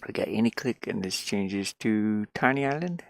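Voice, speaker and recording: A hobby game developer shares a work session, casually thinking aloud and muttering short fragments to himself as he works on a game. His voice sits on the low side, gravelly and animated, at a normal speed. The recording is clean studio sound with no room sound.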